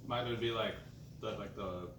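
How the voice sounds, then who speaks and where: A man's voice: fairly low pitch, normal speed, noisy background. A man in casual chat with friends, joking and acting out what people say. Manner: lively, joking, acts out quotes. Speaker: friend at a hot sauce tasting. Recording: roomy sound from a distant mic with people chatting.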